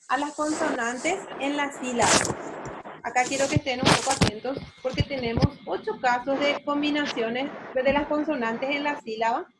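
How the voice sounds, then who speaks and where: A woman's voice: high voice, noisy background. A woman teacher with a Paraguayan Spanish accent, giving an online spelling lesson and explaining step by step with frequent check questions. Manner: slow, explanatory, asks rhetorical check questions. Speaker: university teacher.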